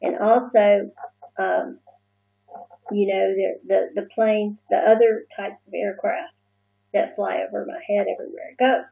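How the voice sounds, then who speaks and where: A woman telling a personal story in a casual vlog, halting and full of fillers and restarts. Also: medium pitch, steady tone, gravelly. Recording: muffled phone-like lo-fi sound.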